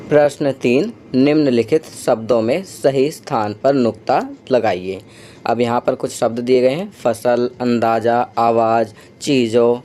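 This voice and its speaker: Guy teaching kids a worksheet, slow and patient, bit of faint noise behind. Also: medium pitch, a little mellow. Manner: slow, patient, explaining step by step. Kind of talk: worksheet lesson for children.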